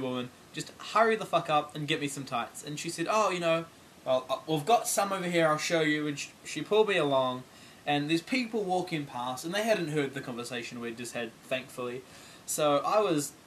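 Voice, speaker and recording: An exasperated teenage boy rants through a comic story to his camera, swearing freely and switching into other people's lines as he goes. His voice sits a little high for a man. A faint hiss runs underneath. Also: a bit bright. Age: teens. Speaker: vlogger.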